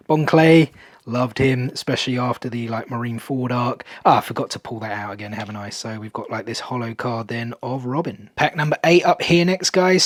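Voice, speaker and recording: A man's voice: medium pitch, dry recording. A man hosting a casual card-opening video, chatting to viewers with frequent restarts and unsure trailing remarks. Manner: speaks to viewers as "guys". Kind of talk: casual unboxing commentary.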